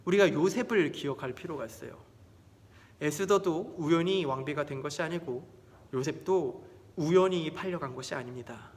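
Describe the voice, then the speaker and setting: A man preaching a children's sermon, telling a story in an animated, expressive way. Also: a little high, normal speed. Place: church sanctuary. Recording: long church hall reverb.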